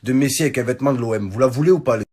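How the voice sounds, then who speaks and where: Husky young man joking in slang. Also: mid-range voice, very fast, darkish tone. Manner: joking, slangy street French. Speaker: comedian vlogger. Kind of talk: casual comic monologue.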